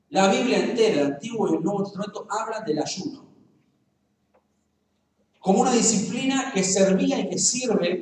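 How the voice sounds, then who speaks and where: A man with a Rioplatense Argentine accent preaches, his voice pitched high for a man. He is picked up from some distance in a very echoey church. He jokes and talks straight to the congregation. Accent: Rioplatense Spanish. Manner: humorous, conversational, addresses the congregation directly. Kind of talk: sermon. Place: church hall.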